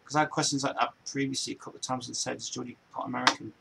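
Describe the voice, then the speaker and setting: Very fast, gravelly and level in tone, a mid-range male voice comes through a noisy background. The speaker, an English show host in his forties, presents a casual chat show from home in a loose, rambling way, often repeating and restarting.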